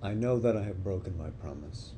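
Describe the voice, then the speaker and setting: A man's voice: low-pitched, animated, brisk, dark tone, slight background noise. A man voicing a humble young disciple. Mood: earnest. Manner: earnest, pleading.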